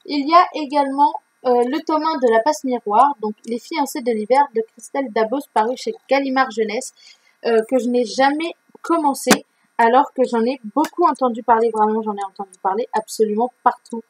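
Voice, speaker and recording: A woman's voice: a little high, normal speed, poor audio. A woman presenting her reading pile in a casual vlog, chatty and full of fillers and restarts. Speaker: book vlogger.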